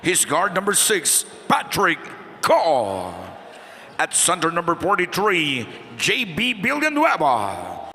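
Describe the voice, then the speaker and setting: A man's voice: fairly high pitch, huge pitch swings, bright, forceful tone. A man with a Filipino accent announcing starting lineups over a hall sound system, drawing out each name. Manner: slow, drawn-out announcing of names. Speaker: game announcer. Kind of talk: arena player introductions. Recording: hall reverb of an indoor arena.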